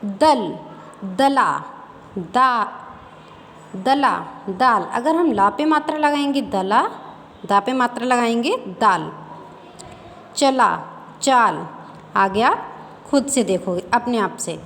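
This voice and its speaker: A woman teaching a reading lesson to young children, sounding out syllables slowly and repeating each word. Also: on the high side, expressive, fairly bright tone. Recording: faint background noise, long reverb.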